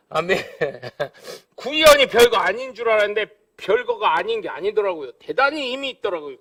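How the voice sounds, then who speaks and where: Male pastor with a really high bright voice, lively and joking, big emphatic bursts. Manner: animated, humorous, acts out dialogue; emphatic exclamations. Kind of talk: live Sunday sermon.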